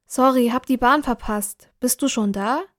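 A laid-back young man's texts, read in a casual tone by a woman narrating. The reading voice is slightly high and slow. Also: dry recording, clean studio sound, natural voice.

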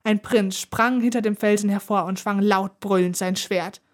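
A woman narrating a children's adventure story aloud in an even, expressive way. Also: mid-range voice, moderate pace. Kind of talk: storybook reading.

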